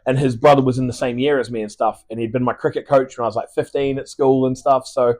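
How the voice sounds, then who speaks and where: A man's voice: medium pitch, steady tone, fast, a little mellow. A man in his thirties from Australia with a mixed Australian and New Zealand accent, chatting as a podcast guest and rambling with restarts and swearing. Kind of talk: casual chat.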